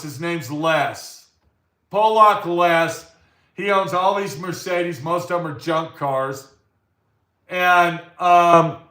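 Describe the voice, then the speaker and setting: A man's voice: on the high side, a bit bright, echoey room. Blunt, profane man in his sixties. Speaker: YouTube channel host. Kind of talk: blunt monologue to camera.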